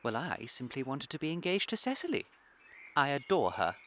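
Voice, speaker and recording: In a scripted radio comedy, a British-accented man plays a witty, unrepentant young Victorian dandy in a flippant, theatrical style. His medium-pitched voice is sing-song and a bit bright at a moderate pace, and the mood is breezy and teasing.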